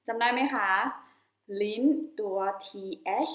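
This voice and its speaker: Female phonics teacher, Thai accent, gentle and very deliberate, repeats words for children, echoey room.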